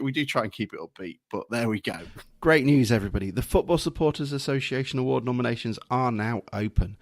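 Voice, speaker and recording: Laughing, self-mocking English podcast host. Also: male voice, mid-range voice, a little mellow, no echo, studio quality. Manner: swears casually, laughs often, self-mocking. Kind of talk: casual podcast chat with a read presentation segment.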